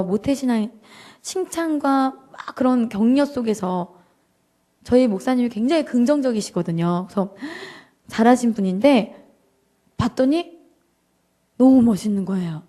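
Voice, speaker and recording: A woman giving an emotional, animated church testimony to a congregation, acting out her prayers and joking with the audience. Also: fairly high pitch, a little slow. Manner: addresses the audience directly and jokingly. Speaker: guest speaker giving a personal testimony.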